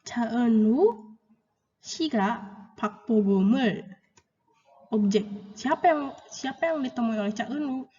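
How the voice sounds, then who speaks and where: Lady teacher going over korean grammar, repeats words slow, lo-fi muffled sound. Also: expressive, warm tone. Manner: slow, drawn-out repetition of example words, rising pitch on questions. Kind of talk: grammar lesson explaining example sentences. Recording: dull, roomy lo-fi recording with long reverb.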